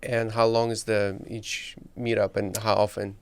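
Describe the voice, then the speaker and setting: A man's voice: fairly low pitch, little pitch movement, unhurried, clean tone. A man from Belarus hosting a podcast, asking questions in casual conversation. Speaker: podcast host interviewing. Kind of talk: casual interview chat.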